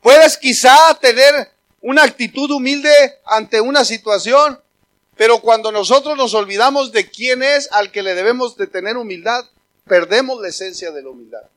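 A man delivers a sermon from the pulpit. His voice sits high for a man. He preaches with emphasis, turning to the congregation and calling them brothers. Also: normal speed, fairly bright tone. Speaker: pastor.

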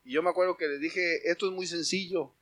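A man preaching a sermon, shouting out scripture and quoted lines with passion. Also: high voice, steady tone, a little fast, no echo.

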